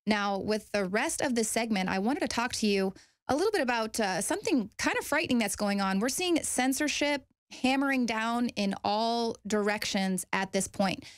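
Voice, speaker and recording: A woman's voice: on the high side, animated, normal speed, no room sound, clean studio sound. A woman presenting a news commentary segment in an eager, upbeat way.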